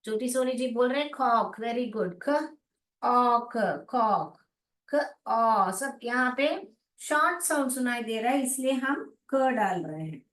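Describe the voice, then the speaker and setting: A woman teaching an online phonics class, repeating sounds slowly and coaxing her students. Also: on the high side, lively intonation, far from the mic. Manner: slow, repetitive, coaxing, calls students beta. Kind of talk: live class explanation to students. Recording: echoey room, voice off-mic.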